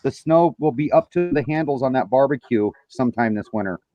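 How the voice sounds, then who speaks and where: A slightly dull, lo-fi recording of a man at a middle pitch. He chats casually on a live stream with a wry, joking manner. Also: animated, a little fast, mellow, faint music behind. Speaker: livestream participant.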